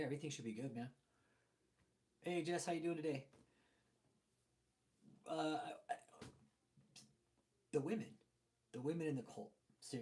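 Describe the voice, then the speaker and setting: A blunt, profane man hosting a live stream, his voice hollow and distant as if through a tube from a loose mic. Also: mid-range voice. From Texas. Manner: blunt, profane, greets chat viewers by name. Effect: sounds like he is talking through a tube, quiet and far off. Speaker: livestream host. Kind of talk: casual live stream commentary. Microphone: desk mic with a loose plug.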